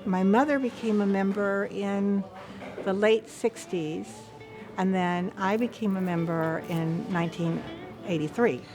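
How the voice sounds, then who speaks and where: A woman's voice: mid-range voice, fairly even intonation, unhurried. A woman in her seventies, a longtime association member, speaking reflectively in an interview. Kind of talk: interview testimonial. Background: music.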